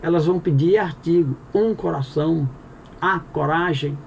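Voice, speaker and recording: Speaking at normal speed in a slightly high, gravelly voice, a man walks through a Portuguese grammar lesson, raising questions for the listener and answering them on his own. His tone is conversational, peppered with "tá bom?" check-ins, over slight background noise.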